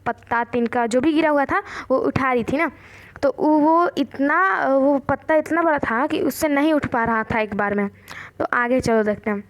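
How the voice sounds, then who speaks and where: A woman's voice: high voice, normal speed. A woman teacher telling a story to young children, repeating and explaining each line in simple words.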